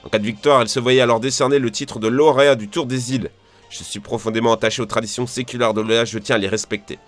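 A man's voice: mid-range voice, fairly even intonation, fast talker, faint music behind, voice pushed down, natural voice. A man voicing a solemn older male island elder, reading game dialogue in a grave, ceremonious way.

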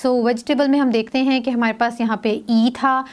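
Slow-spelling Pakistani woman teacher. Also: a little high, little pitch movement, a little mellow. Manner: slow, careful word-by-word spelling out. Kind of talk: classroom grammar lesson.

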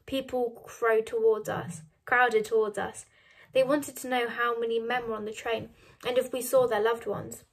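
A woman's voice: fairly high pitch, flat delivery, moderate pace. Woman reading a novel aloud. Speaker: reader of a novel.

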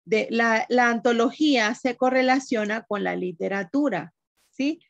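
A woman's voice: fairly high pitch, measured pace, creaky, dry recording. A woman teacher giving an online class, explaining patiently and asking the class questions.

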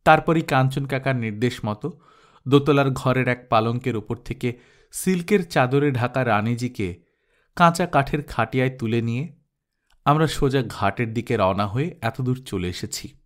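A man narrating a literary short story in a measured, expressive reading voice. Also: medium pitch.

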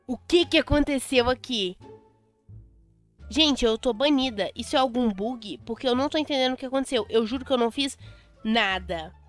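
A young adult Brazilian woman commentating a Roblox game, chatty and excitable, repeating words in bursts. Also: fairly high pitch, normal speed. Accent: Brazilian Portuguese. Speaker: Roblox gameplay host. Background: faint music.

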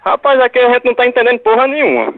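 A man's voice: extremely high pitch, lively intonation, rapid-fire, no echo. A man answering a prank call over a landline phone, angry, cursing and demanding answers. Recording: tinny phone line.

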